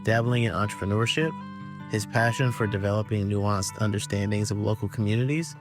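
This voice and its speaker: A man reading a scripted podcast intro in a smooth, announcing manner. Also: lowish voice, steady tone, brisk. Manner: smooth, read-aloud announcing. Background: guitar music.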